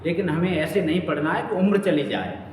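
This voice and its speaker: A male teacher running an exam-prep quiz lesson, repeating each question and key word slowly and checking in with his students. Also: fairly high pitch, a little mellow. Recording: far from mic in an echoey room with long reverb, faint noise.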